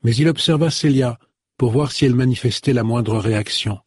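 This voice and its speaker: Husky guy reading a novel, steady and measured, dead dry. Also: mid-range voice, no echo. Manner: measured storytelling. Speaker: audiobook narrator. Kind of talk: scripted narration.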